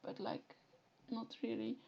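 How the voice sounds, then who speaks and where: Soft-spoken Flemish woman streamer, slow. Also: on the high side, steady tone, gravelly, highs cut off. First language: Dutch. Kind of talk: casual live-stream chat, reading a story game aloud.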